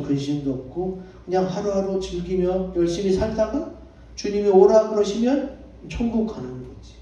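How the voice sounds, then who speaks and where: A man's voice: high voice, dark tone, highs cut off. A male pastor preaching a sermon, who keeps asking the congregation questions and answering them himself. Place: church sanctuary. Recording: echoey church hall, distant mic.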